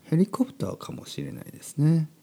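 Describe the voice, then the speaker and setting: A man's voice: on the high side, very animated, brisk, warm tone, husky. A man hosting a podcast for language learners in simple, unscripted talk, repeating and rephrasing key words as he goes. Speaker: podcast host for learners of Japanese.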